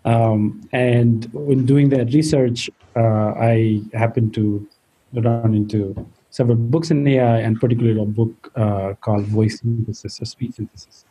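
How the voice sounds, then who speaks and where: A man from Nepal with a mellow, husky voice answers a host's questions. He speaks hesitantly, pausing on fillers and clearing his throat now and then. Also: medium pitch, fairly even intonation, low-quality recording. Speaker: guest, tech company founder. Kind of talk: interview answers.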